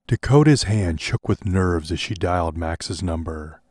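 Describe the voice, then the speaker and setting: A man narrating a parody audiobook in a deadpan way. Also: low-pitched, unhurried, no echo, clean studio sound.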